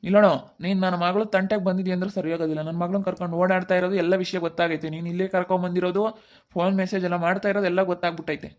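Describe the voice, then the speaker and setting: A man playing an angry middle-aged village father who scolds rapidly, speaking in an amateur family skit. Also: high voice, flat delivery, lightly acted. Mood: threatening. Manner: scolding, threatening, rapid outbursts.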